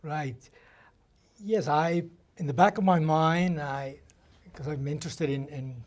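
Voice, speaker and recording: Hesitant man from Colombia, fairly high voice. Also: a little mellow. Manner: hesitant, halting with restarts. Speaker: newly elected trustee guest. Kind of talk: TV interview answers.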